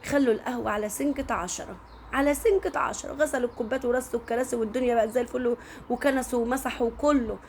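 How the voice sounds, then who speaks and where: A woman with an Egyptian Arabic accent tells a story casually and chattily, often addressing her listeners directly. Her fairly high, darkish voice is rapid-fire with fairly even intonation, and there's a little hiss or hum.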